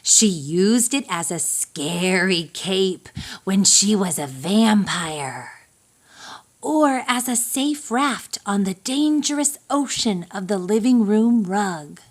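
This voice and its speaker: For an audience of young children, a female reader works through a picture book with a mid-range voice and a measured, expressive storytelling style.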